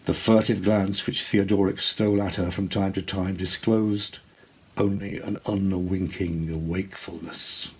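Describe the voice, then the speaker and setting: Reading a literary short story with an actor's deliberate, expressive pacing, this man delivers dramatic narration in a low-pitched, husky voice.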